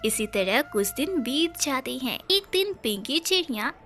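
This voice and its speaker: A woman tells a cartoon story in measured storytelling narration. Her voice is very high and bright, and her pace is slow. Light music sits under her. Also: very animated.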